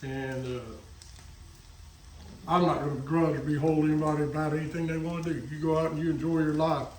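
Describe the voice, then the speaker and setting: A Texas cooking vlogger with a Texan accent chats casually while cooking in his kitchen, folksy and full of asides. His voice is on the high side with little pitch movement, a darkish tone, and a slightly fast pace. Recorded off-mic and far away, the audio is echoey, with frying in the background and a little hiss or hum.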